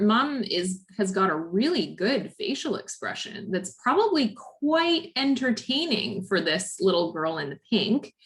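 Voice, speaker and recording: Canadian woman, therapy director giving a recorded parent workshop, friendly explainer, average pitch. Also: a bit bright. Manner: friendly, explanatory, with frequent "um" and "right?". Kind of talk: recorded lecture over slides.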